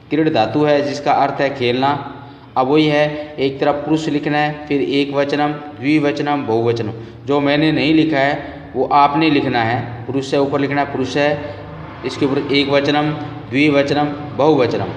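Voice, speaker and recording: A man teaching a class, patiently repeating word forms slowly for his students. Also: mid-range voice, slight background noise. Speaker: Sanskrit teacher. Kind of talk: classroom lesson. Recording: roomy, distant, dull lo-fi sound.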